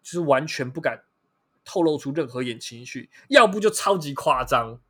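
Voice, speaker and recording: A man's voice: medium pitch, expressive, moderate pace, pushed and bright, slightly rough. A young man with a Taiwanese Mandarin accent hosting a casual solo podcast, blunt and rambling, swearing freely with lots of fillers. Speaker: podcast host.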